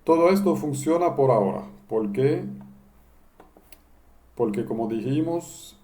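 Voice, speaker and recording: A man giving a step-by-step software lesson, posing questions and answering them himself. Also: medium pitch, expressive, a little slow. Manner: explains step by step, asking and answering his own questions. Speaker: instructor. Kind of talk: screen-recorded software tutorial.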